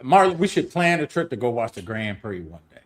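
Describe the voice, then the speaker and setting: A man's voice: medium pitch, sing-song, a little fast. A man from Southern California co-hosting a livestream in laid-back, teasing banter. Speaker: livestream co-host.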